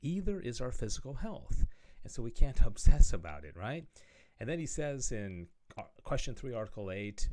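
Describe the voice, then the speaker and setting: A man's voice: fairly low pitch, dark tone. A man giving a conversational video lecture on theology, often checking in with "okay?" and "right?" as he explains passages he reads aloud. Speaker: religious studies teacher.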